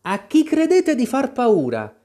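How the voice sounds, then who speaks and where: Outspoken storybook girl, defiant, much higher pitch, lively, man putting her on. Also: unhurried, full character voice. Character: bold young girl, Alice.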